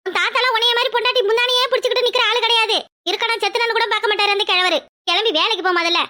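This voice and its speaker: A woman voicing a bossy, sharp-tongued village grandmother in a cartoon. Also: extremely high pitch, fast. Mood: scolding. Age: older. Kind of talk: cartoon voice acting.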